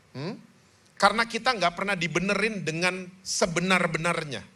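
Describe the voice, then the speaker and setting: Male pastor, sermon, lively delivery, rhetorical prompts, fairly high bright voice. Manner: animated, with rhetorical "hmm?" prompts to the congregation.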